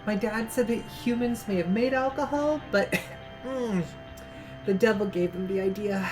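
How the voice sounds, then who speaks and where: A woman's voice: medium pitch, moderate pace, over music, natural voice. A woman voicing a tipsy teenage girl at camp, reading her lines in a drawling, slurred voice.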